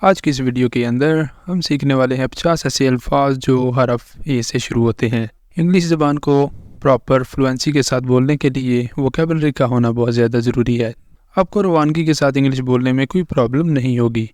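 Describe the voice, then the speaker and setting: A man's voice: medium pitch, normal speed, darkish tone, no echo, studio quality. A man teaching English vocabulary, saying each word and its meaning twice. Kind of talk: slow instructional narration over slides.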